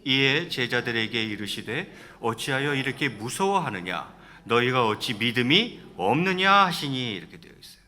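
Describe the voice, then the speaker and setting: A man preaching a sermon as pastor, reading scripture aloud and asking the congregation questions, swinging between loud rises and soft drops. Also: medium pitch, very animated, moderate pace.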